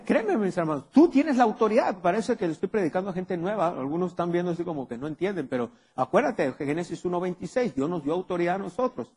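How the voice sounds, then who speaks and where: A man's voice: high-pitched, darkish tone, slightly rough. A male pastor preaching a sermon to his congregation and firing rhetorical questions at them. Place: church hall with a congregation. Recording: long hall reverb.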